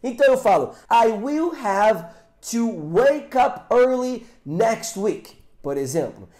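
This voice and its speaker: Casual: brazilian guy teaching english grammar, lively up-and-down voice, kinda mellow tone, echoey room. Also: high-pitched. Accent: Brazilian Portuguese. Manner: explanatory, often checks in with "tá?". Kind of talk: online English grammar lesson.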